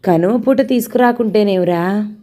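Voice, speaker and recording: A woman voicing a polite, harried young village housewife with soft, quick replies. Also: medium pitch, natural voice.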